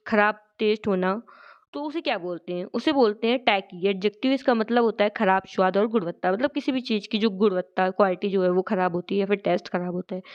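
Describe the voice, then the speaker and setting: A woman teaching a vocabulary lesson for exams, explaining each word step by step and reading the English definitions slowly. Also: medium pitch, clear, resonant tone, lo-fi sound.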